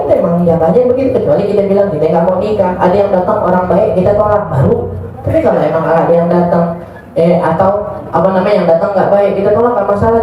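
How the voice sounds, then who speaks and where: A man leads an informal religious study session, answering questions with quick jokes. He talks fast and colloquially. The recording is distant and muffled, with a strong echo from the hall. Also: high-pitched, a little hiss or hum. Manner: joking, colloquial, reads out audience questions. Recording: distant, muffled, echoey room.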